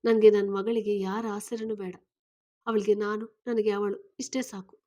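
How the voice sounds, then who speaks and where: A young single mother speaks with firm, pleading resolve, close to tears, as a woman reading a story voices her. Her mid-range voice stays plain and steady. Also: medium pitch, measured pace, lightly acted. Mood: resolute.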